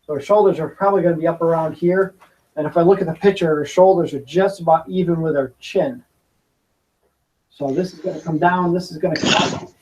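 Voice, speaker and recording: A man hosting a casual craft workshop stream, explaining his build in a relaxed, rambling way while he works. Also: fairly high pitch, a little fast, slight background noise, poor audio. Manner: easygoing, rambling, talks while working with hesitations. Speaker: prop-building workshop host. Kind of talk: casual livestream craft tutorial. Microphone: camera on a desk he moves around.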